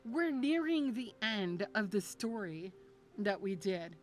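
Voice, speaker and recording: A woman's voice: medium pitch, sing-song, takes it slowly. A woman VTuber streamer chatting casually with her viewers. She is emotional and gushes in rambling sentences, often restarting them. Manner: gushing, rambling, many restarts. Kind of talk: casual live-stream chat.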